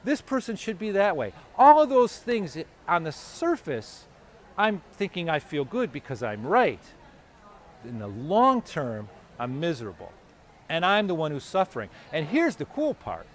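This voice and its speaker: Animated man giving a live talk. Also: fairly high pitch, unhurried, a little hiss or hum. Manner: animated, conversational, acts out his own inner voice. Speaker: motivational speaker. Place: expo hall or venue.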